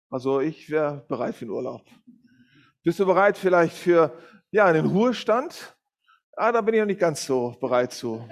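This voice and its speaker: A middle-aged man preaching a sermon in an informal way, with many fillers and self-corrections. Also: high-pitched. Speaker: guest preacher from a Bible school. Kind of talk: sermon with a read-aloud story.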